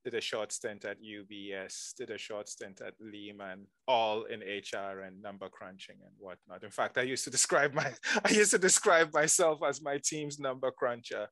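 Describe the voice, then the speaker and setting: A man's voice: on the low side, moderate pace, few pauses, sharp tone, dry recording. Guest voice: man from ghana, 40s, chatty venture investor, dry close mic. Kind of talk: conversational interview.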